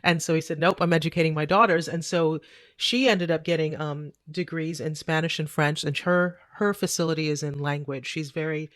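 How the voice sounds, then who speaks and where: A woman's voice: deep voice, dry recording, studio quality. Earnest guest woman from Trinidad. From Trinidad and Tobago. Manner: animated, earnest, talks in quick bursts with restarts. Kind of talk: casual interview chat.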